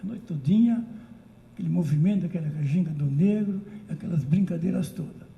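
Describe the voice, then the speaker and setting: An older Brazilian woman telling an animated, emotional story of remembered traditions at a community talk circle. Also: lowish voice, brisk, creaky, dull audio. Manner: animated, emotional, breaks into chanted calls. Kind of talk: storytelling recollection. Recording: roomy echo.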